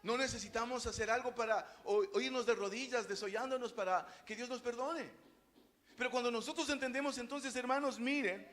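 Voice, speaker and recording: High-voiced preaching pastor in a hall. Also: male voice, brisk. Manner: preaching with call-and-response, swells loud on key phrases. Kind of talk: sermon. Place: church hall.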